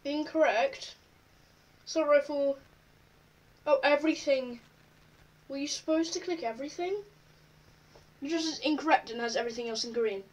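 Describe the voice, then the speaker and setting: A woman with a high voice chats casually through an online quiz, reading each question aloud and answering offhand. She sits a little back from the microphone, so her voice carries some distance. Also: normal speed, pauses often. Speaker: vlogger. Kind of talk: casual chat while taking an online quiz.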